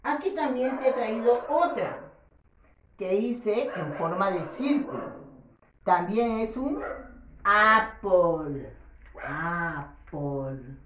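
Slow, patient woman teaching children. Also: on the high side, animated, darkish tone, slight background noise. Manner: patient, coaxing, repeats words slowly; checks in with "¿ya?". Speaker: preschool English teacher. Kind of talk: children's language lesson. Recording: roomy echo.

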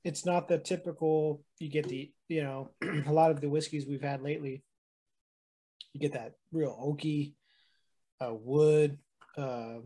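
A man co-hosting a casual whiskey chat, easygoing and quick to agree. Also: fairly high pitch, fairly even intonation, dark tone. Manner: easygoing, short agreeing replies. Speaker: podcast co-host.

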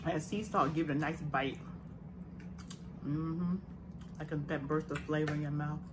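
A woman's voice: low voice, fairly even intonation, normal speed. A woman hosting a mukbang and chatting casually with viewers. She talks with her mouth full of food and hums between bites. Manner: addresses viewers directly, hums while chewing. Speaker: mukbang host. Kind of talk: casual chat while eating on camera. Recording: noisy background hiss.

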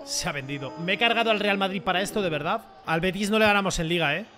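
Un streamer con acento de España que comenta su partida a gritos, repitiendo palabras en ráfagas. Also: male voice, sits high, very fast, background noise. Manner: shouts and repeats words in bursts. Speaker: gaming streamer. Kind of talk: excited gameplay commentary.

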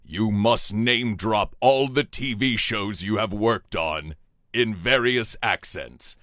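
A man voicing God as a booming, solemn baritone in a comic radio story. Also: pushed and bright, dry recording, clean studio sound. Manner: grand, solemn proclamation.

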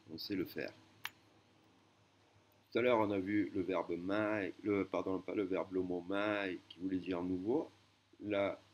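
A man teaching a language lesson, explaining slowly with hesitations and self-corrections. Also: sits low, darkish tone.

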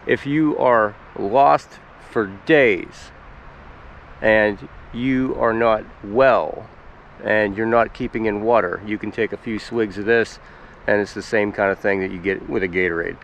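A fortysomething man from Pennsylvania hosts a foraging channel, kneeling in the spring woods and chatting casually to the camera about his gear. His voice sits on the low side, unhurried and with vocal fry, and there's slight background noise. He's relaxed and chatty, explaining things plainly with plenty of fillers.

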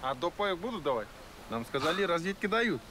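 A naive, stubborn young Kyrgyz soldier in a war drama. His voice is fairly high, with a Kyrgyz accent and broken grammar, over faint outdoor noise. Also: sing-song, brisk, fairly bright tone, rough recording. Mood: earnest, defensive. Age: young adult. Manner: broken, ungrammatical speech.

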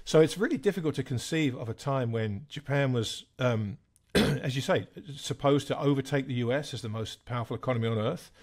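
A man in his sixties, a guest on an interview, explaining in a measured, thoughtful way. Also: medium pitch. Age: 60s. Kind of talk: conversational interview.

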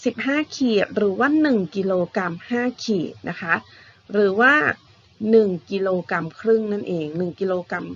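A woman's voice: medium pitch, normal speed, breathy edge, muffled recording. A woman teacher giving a patient, repetitive math lesson to young primary school pupils, often ending her phrases with polite particles.

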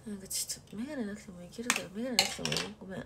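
A young woman live streamer races through casual chat in a mid-range voice, with heavy noise in the background of her nighttime bedroom. Despite the fast pace she's soft-spoken, often whispering and laughing as she talks.

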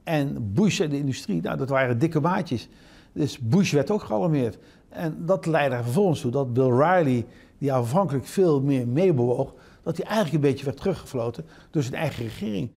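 A man's voice: mid-range voice, lively intonation, normal speed, gravelly, a little mellow. An older man, a former minister, speaking hesitantly with many fillers in an interview at home. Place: indoor home.

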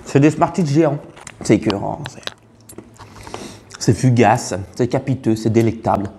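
A man's voice: mid-range voice, moderate pace, warm tone, slight background noise, natural voice. A man playing a brash, crude female farmer with a Burgundian accent in a comic sketch. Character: brash middle-aged female farmer from the countryside. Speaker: taste-tester.

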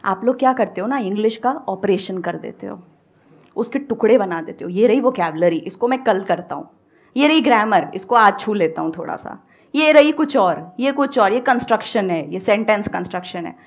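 An Indian-accented woman in her thirties, an English-speaking coach, gives an emphatic motivational talk to a live audience on an indoor studio stage, wearing a headset mic. Her mid-range voice moves at a moderate pace as she switches between Hindi and English, animated and gesturing a lot.

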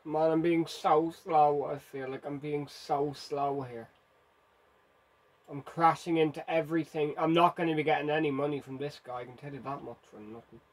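A gaming video host, he speaks with a fairly high pitch and fairly even intonation at normal speed. The live commentary on his driving game is frantic and self-mocking.

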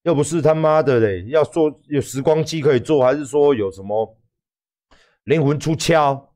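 Loud, foul-mouthed Taiwanese man. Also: on the high side, normal speed. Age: 40s. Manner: loud, profane, animated. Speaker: livestream host. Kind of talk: livestream rant to viewers.

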